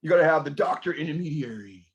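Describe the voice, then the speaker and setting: A middle-aged man hosting a casual group health discussion, rambling through animated stories and asides. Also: on the high side, fast, dull audio. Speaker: health talk host.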